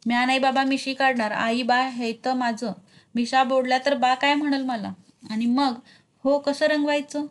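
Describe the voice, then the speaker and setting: A woman's voice: a little high, fairly even intonation, moderate pace, close to an everyday voice. A woman doing a stubborn rustic villager. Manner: firm, rustic dialect. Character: stubborn mustached village man.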